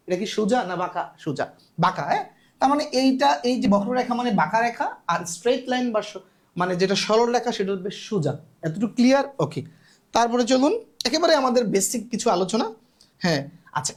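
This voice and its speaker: A woman's voice: mid-range voice, a little mellow. A woman teaching a live online math class, patiently repeating key terms and checking that students understand.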